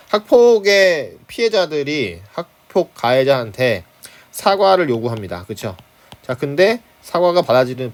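A man teaching high school Korean literature from a class handout at home, in a conversational way that keeps checking in with his students. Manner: starts phrases with a prompting filler, chuckles now and then. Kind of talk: online lecture on a class handout.

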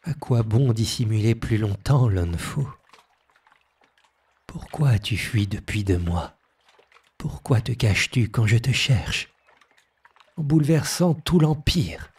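A man voicing a slow, commanding emperor. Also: medium pitch, lively intonation, darkish tone, husky, full character voice. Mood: ardent. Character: imperious young male Chinese emperor. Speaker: voice actor in an audio reading.

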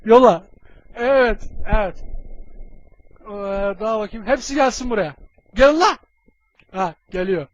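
A man's voice: sits high, unhurried, pauses often, no room sound, dull audio. A man dubbing a flustered, swearing male cartoon villain in a comedic fan dub. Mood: muttering.

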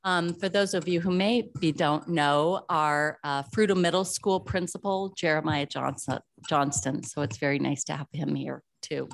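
A middle-aged woman speaks into a podium microphone in a council chamber, earnest and a little halting, with fillers between phrases. Her voice sits fairly low. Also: steady tone, gravelly, a little hiss or hum. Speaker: school district foundation director. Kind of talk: public remarks at a podium.

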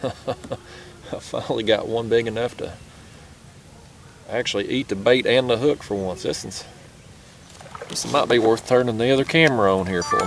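Out fishing on a foggy river, this young man talks easily to the camera fixed on his kayak, a fishing vlogger in a chatty, relaxed mood. His voice is gravelly and medium in pitch, with "y'all" and "ain't" drawled out. You can faintly hear the river around him.

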